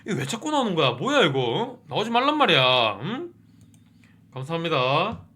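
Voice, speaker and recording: A man hosting a review channel, chatting casually about a TV drama and excitedly tossing in little "huh?" asides. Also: fairly high pitch, normal speed. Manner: excitable, keeps asking 응? and 어? mid-sentence.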